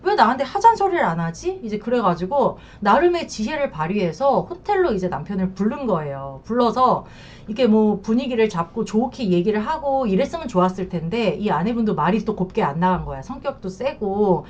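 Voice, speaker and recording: A woman's voice: mid-range voice, lively intonation, moderate pace, hardly any pauses, a little mellow, lo-fi sound. A woman counselor giving frank, blunt advice on marriage after infidelity. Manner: frank, blunt, acts out quotes. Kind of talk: advice talk to camera.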